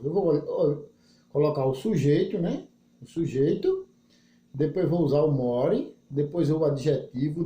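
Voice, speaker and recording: A man's voice: sits high, mellow, reverberant. A male English teacher giving a recorded lesson, explaining step by step with folksy examples and checking in with the class often.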